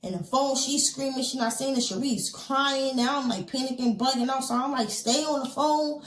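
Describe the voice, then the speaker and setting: A woman with a fairly high voice recounts a personal story as a podcast guest, leaning on quoted dialogue and loose fillers. She tells it earnestly, and her voice bounces around an echoey room. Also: a little fast.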